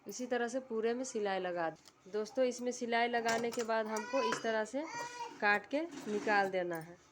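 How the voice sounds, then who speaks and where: A woman giving a calm, step-by-step sewing tutorial, repeating her instructions patiently. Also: a little high, moderate pace, background noise. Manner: calm, repetitive instructional voice-over.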